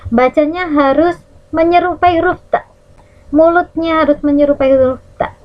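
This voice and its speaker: A woman teacher with an Indonesian accent explaining Quran recitation rules to children, drawing out Arabic words slowly as she demonstrates them and checking in with her class. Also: high voice, highs cut off. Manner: lively teacherly, checks in with "ya" and "nah".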